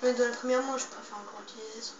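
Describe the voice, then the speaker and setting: A woman's voice: fairly high pitch, steady tone, racing, dull audio. A woman doing casual, slangy game commentary, muttering to herself and swearing mildly as she plays. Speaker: gamer playing a zombie game. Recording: roomy, distant mic, loud background noise.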